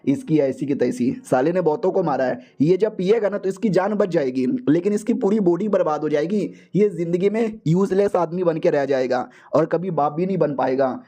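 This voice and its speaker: A man voicing a cocky, bossy young male hero in a low, slow, smug drawl. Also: warm tone, close to an everyday voice.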